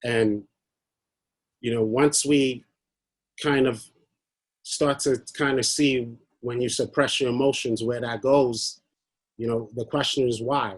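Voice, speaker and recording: A man's voice: medium pitch, fairly even intonation, slow, long pauses, breathy edge, no echo. A man from Haiti giving a prepared talk on a video call, hesitant and a little nervous, with many fillers. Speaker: guest speaker.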